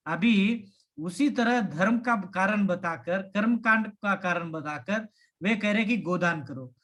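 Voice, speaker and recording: A man's voice: sits high, takes it slowly, fairly bright tone. A man teaching a class, reading out a play's dialogue and explaining each scene. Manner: reads dialogue lines aloud between explanations. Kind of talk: reading and explaining a Hindi play.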